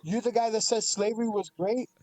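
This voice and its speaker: A man's voice: high-pitched, a little fast, heavy background noise. A man, a streamer, telling a story in casual chat, swearing freely and acting out what people said. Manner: profane, animated, acts out quotes. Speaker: guest, streamer.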